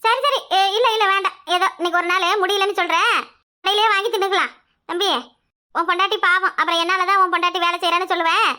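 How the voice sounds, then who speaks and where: A woman's voice: very high voice, fairly even intonation, fast talker, bright, forceful tone. A woman voicing a scolding, sarcastic village mother-in-law in a cartoon, with a Kanyakumari Tamil accent. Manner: nagging, sarcastic. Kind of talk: cartoon comedy acting.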